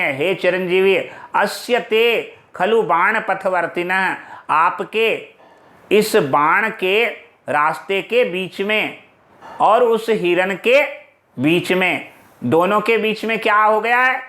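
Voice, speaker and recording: A man lecturing on a Sanskrit play, slowly reciting the verses and then explaining them in Hindi, repeating words and asking questions that he answers himself. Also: high voice, pushed and bright.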